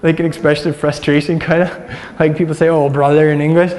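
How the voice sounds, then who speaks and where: A man's voice: a little high, flat delivery, fast, darkish tone, in a large hall. A man giving a casual, interactive Bible teaching to a group in a room. He talks in a chatty, upbeat way with lots of fillers and has the room repeat words after him.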